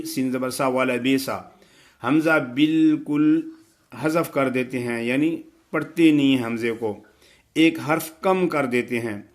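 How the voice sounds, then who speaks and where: A man with a fairly high voice leads a recitation lesson. He sings verses out slowly, then drops into brisk, plain explanation of how each sound should be made. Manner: alternates slow chanted recitation with quick explanations. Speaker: Quran recitation teacher. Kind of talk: tajweed lesson.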